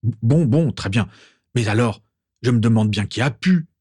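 A man voicing a gruff older father who grumbles and muses aloud in a storybook reading. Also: mid-range voice, expressive, a little slow, mellow, no echo, clean studio sound. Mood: musing.

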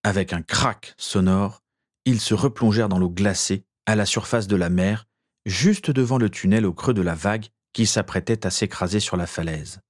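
A man reading a story aloud with measured, expressive narration. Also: on the low side.

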